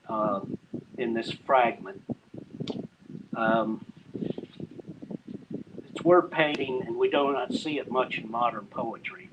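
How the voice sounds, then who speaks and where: An older man at an open mic, slowly and hesitantly introducing his short poems before reading them. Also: mid-range voice, dull audio, background noise. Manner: slow, rambling, hesitant.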